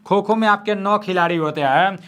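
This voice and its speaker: A young man teaching exam questions at home at night, talking softly and repeating each question. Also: high-pitched, moderate pace, clear, resonant tone. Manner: soft-spoken, repeats each question, frequent "theek hai na". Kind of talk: quiz-style exam lesson.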